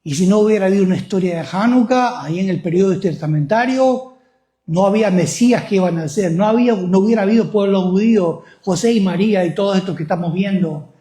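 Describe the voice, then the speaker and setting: A man's voice: sits high, fast, mellow, reverberant. A male pastor preaching a sermon, often putting questions to the congregation.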